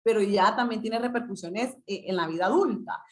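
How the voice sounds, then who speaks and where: A woman's voice: mid-range voice, a little fast, reverberant. A woman giving an informal talk to parents, full of fillers and repeated words. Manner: conversational, many fillers and repeated words, acts out parent-child dialogue. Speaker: school parenting workshop speaker.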